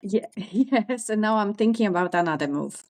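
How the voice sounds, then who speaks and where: A woman, telling her life story as a podcast guest, pausing often with fillers and self-corrections. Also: mid-range voice, animated, darkish tone. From Poland. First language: Polish. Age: 40s. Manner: thoughtful, pauses with many fillers and self-corrections. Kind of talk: interview storytelling.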